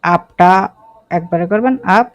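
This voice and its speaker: A woman walks through a design software tutorial in a loose, chatty way, correcting herself as she goes. Her voice is close and dry, with faint music under it. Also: lowish voice, unhurried, no room sound. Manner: casual, with frequent fillers and self-corrections. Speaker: graphic design teacher. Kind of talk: screen-recorded software tutorial.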